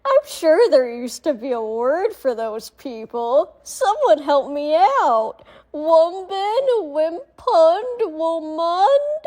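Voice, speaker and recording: A woman's voice: very high voice, big pitch swings, darkish tone, full character voice. A woman doing a dumb, mocking voice of a confused woman who fumbles her words. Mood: dopey. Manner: slow, dopey, fumbling words. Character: dim-witted mocking caricature woman, slow and confused.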